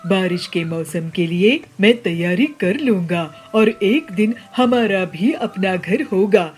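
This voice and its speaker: A woman voicing a calm, kindly male bird mason in a cartoon, speaking in a steady, reassuring way. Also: mid-range voice, takes it slowly, slightly rough.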